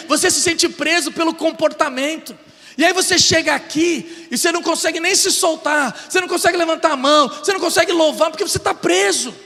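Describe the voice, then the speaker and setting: A Brazilian man preaches with fervor, piling up rhetorical questions and repeated lines. His voice sits very high and rings bright. Long reverb from the church hall trails behind him. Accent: Brazilian Portuguese. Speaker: pastor. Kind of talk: sermon. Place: church sanctuary.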